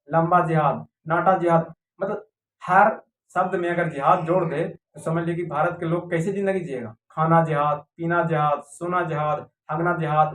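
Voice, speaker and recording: A man giving a rambling, indignant opinion monologue to viewers, repeating phrases for emphasis. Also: a little high. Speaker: video commentator. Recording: echoey room, voice from a distance.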